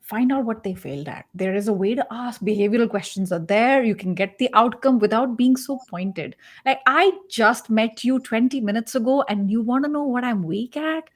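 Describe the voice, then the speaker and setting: A woman from India with an Indian accent, a career coach speaking as a guest in a casual panel chat on a video call, animated, sarcastic and expressive. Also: fairly high pitch, moderate pace, few pauses.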